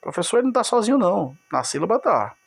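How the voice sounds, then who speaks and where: A male teacher records a video lesson, walking his students through each point and repeating key words for emphasis. His voice sits slightly high and carries a gravelly, creaky texture. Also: sing-song, fast. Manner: explains step by step, repeats key words, addresses students directly.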